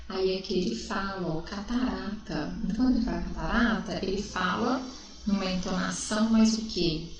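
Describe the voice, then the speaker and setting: A woman's voice: medium pitch, darkish tone, distant mic. Echoey Brazilian woman teacher. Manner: asks questions and answers them herself. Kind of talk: recorded school lesson explaining a text. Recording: echoey room, voice from away from the mic.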